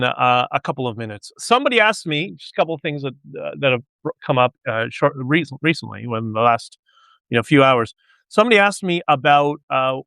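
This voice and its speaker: Smooth-voiced man rambling on a livestream. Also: mid-range voice, fairly bright tone, no room sound. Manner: rambling, digressive, with many restarts. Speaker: podcast host. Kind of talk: casual solo livestream monologue.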